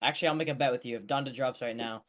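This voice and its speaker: A man's voice: medium pitch, rapid-fire, a bit bright. A young man co-hosting a casual podcast, bantering and defending himself in a playful way. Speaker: podcast co-host. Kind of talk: casual chat.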